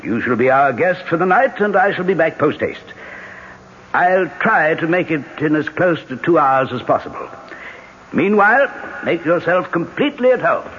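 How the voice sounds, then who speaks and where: An actor playing a courtly, insistent and jealous lord, speaking formally and theatrically in an old-time radio drama. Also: male voice, a little high, big pitch swings, normal speed, fairly bright tone. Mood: courteous, insistent. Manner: formal, lordly. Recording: dull, slightly noisy old radio recording.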